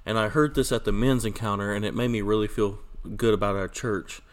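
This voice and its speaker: A man's voice: on the low side, fairly even intonation, brisk. A man co-hosting a podcast in casual conversation, recorded in an echoey church sanctuary. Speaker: podcast co-host. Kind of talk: casual chat.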